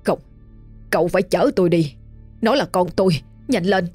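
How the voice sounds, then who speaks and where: A woman's voice: fairly low pitch, normal speed, a little mellow, breathy edge, no echo, soft background music. A woman voicing a frightened older village man, a desperate father who stammers and pleads in a trembling voice.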